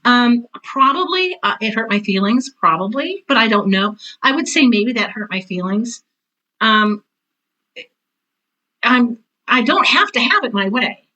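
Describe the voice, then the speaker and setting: Slightly high in pitch and measured in pace, this woman in her sixties or older is heard through dull audio. As an interview guest and longtime theater teacher, she talks frankly and conversationally, bringing her stories to life by performing her own quoted lines.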